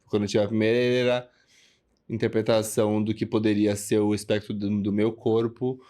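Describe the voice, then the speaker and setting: A man's voice: lowish voice, level tone, moderate pace, mellow. A man, a flamboyant and candid podcast guest telling his life story. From São Paulo, Brazil. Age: 30s. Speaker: guest, performer. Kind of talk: casual interview.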